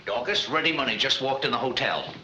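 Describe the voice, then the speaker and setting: Actor doing a brisk, slangy swindler, roomy and hissy 1940s comedy film sound. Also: male voice, mid-range voice, lightly acted. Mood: scheming. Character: scheming male hotel swindler.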